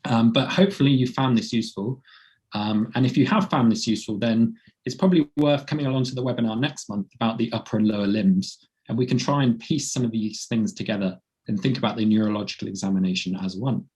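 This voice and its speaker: A man with a croaky, cold-roughened voice presenting a medical teaching webinar in a plain explaining way. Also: medium pitch, fast, darkish tone. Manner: plain explaining, light laughs.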